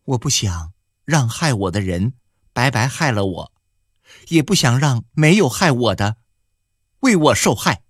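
A man's voice: medium pitch, measured pace, long pauses, no room sound, clean studio sound. A man voicing a wronged young woman who answers in short, resolute replies, in an audiobook. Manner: terse, flat replies. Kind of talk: audiobook character voice.

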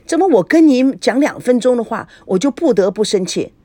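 A woman's voice: fairly high pitch, expressive, a little fast, mellow, no room sound, pitched above the performer's own voice. A woman voicing an impatient grown daughter in a novel reading, exasperated and scolding.

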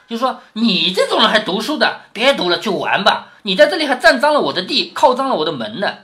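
A man's voice: high-pitched, very animated, fast, bright, forceful tone. A man reading a classic novel aloud to his daughter, explaining it as he goes and checking in with frequent rhetorical questions. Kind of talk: storytelling with explanation.

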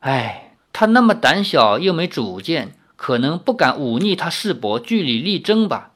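A man voicing a cheeky young male swordsman who is easily startled, asking quick, incredulous questions in an audiobook reading. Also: fairly high pitch, very animated, a bit bright, heavily acted. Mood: musing.

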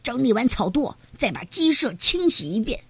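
A woman voicing a stern, bossy rooster who leads the henhouse, scolding in a hoarse voice, in a read-aloud storybook. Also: fairly high pitch, big pitch swings, normal speed, no room sound, exaggerated voice. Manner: scolding, strict.

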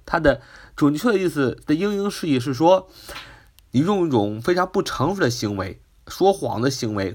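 A man teaching English vocabulary, spelling words out letter by letter and explaining them in Mandarin. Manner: rises in pitch on questions. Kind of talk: vocabulary lesson.

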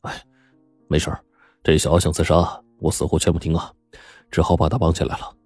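A man voicing a rough but kind-hearted middle-aged father who talks bluntly and gruffly in a told story. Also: rumbling low, flat delivery, a little fast, a little mellow, dry recording, soft background music.

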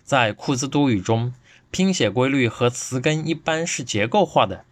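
A man with a mid-range voice gives a scripted podcast lecture. He reads at a steady, measured pace. The studio sound is dry and close, with no room echo. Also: medium pitch. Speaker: guest podcast presenter.

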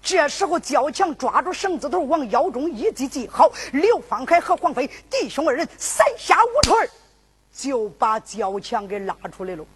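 A woman's voice: sits high, sing-song, moderate pace, background noise. A woman with a Henan accent performing zhuizi storytelling, narrating in a rhythmic sung and spoken style.

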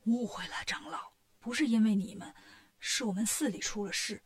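A woman's voice: a little high, normal speed, natural voice. A woman voicing a timid, frightened temple monk. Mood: scared. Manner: timid and worried.

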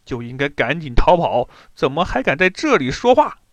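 A swaggering bandit chief who jeers loudly and boasts of his strength, as a man puts him on. He speaks in a booming, scornful storybook voice, up close and dry. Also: very animated, moderate pace, no echo. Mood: mocking. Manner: loud, mocking. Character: arrogant mocking male bandit chief.

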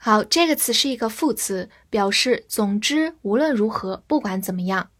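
A woman teaching English vocabulary in a scripted lesson, speaking slowly and clearly and spelling out each word letter by letter. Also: on the high side, lively intonation, a bit bright.

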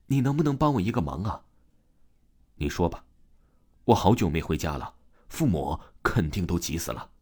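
A man's voice: deep voice, very animated, moderate pace, long pauses. Man voicing a dazed, pleading village ghost. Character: confused lonely male ghost of drowned young villager.

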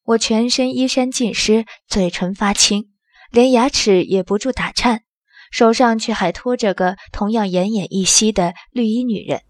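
A woman narrating an audio drama in the first person with a steady storytelling manner. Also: fairly high pitch, normal speed, no room sound, clean studio sound.

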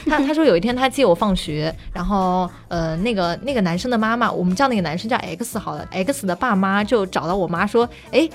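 A woman's voice: medium pitch, expressive, a little fast, hardly any pauses, soft background music. A woman co-hosting a casual chat show, telling childhood stories with many restarts and giggles. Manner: chatty storyteller, lots of restarts and giggles. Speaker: radio show co-host.

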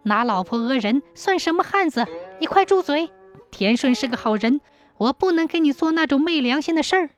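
A woman voicing a pregnant young village wife who is upright and defiant, scolding in a high, indignant voice. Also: lively intonation, moderate pace, darkish tone, soft background music.

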